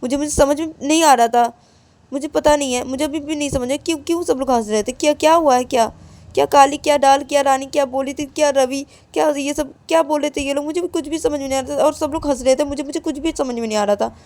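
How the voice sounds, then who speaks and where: Brief: woman putting on a touchy young wife, high pitched, quick to accuse. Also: darkish tone. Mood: accusing. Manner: accusing, stammers and repeats herself. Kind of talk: storytelling with acted dialogue.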